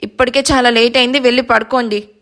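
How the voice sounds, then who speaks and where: A woman voicing a sharp-tongued young woman who brushes off an unwanted caller in an audio story. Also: fairly high pitch, fairly even intonation, fast talker. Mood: annoyed. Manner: snappy, irritated.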